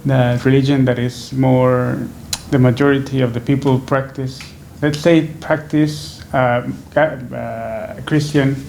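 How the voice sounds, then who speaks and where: A man's voice: mid-range voice, flat delivery, measured pace, vocal fry, hardly any pauses, a little mellow, a little hiss or hum. A man in his twenties from Venezuela, answering interview questions in a thoughtful, hesitant way with many fillers and restarts, seated indoors at a stand microphone. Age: 20s. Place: small indoor room, seated on a sofa. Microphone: stand microphone in front.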